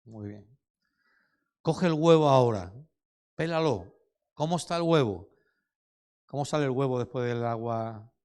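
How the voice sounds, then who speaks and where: A man voicing a wise old grandmother who gently teaches her granddaughter, within a sermon story. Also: medium pitch, lively intonation, a little slow, long pauses. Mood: gently instructive. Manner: gentle, instructive.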